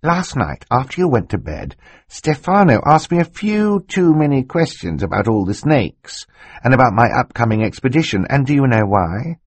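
A man voicing an excitable, fussy older male snake scientist in an audiobook, talking over others. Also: mid-range voice, moderate pace, husky, no echo, pitched above the performer's own voice. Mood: excited. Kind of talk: audiobook character voice.

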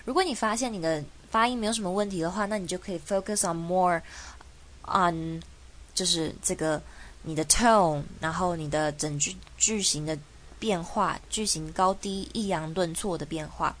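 A young woman teaches English pronunciation as the host of a lesson. Her voice sits a little low for a woman. She talks patiently, slowing down to demonstrate each word and repeating it. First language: Mandarin. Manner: patient, demonstrates words slowly and repeats them.

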